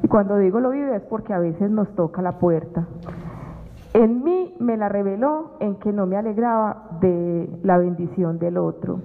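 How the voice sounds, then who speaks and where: Woman, tinny and reverberant. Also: mid-range voice. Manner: earnest, reflective, halting with frequent restarts. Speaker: guest sharing a faith testimony. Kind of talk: personal faith testimony. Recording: tinny phone-like radio sound with long reverb.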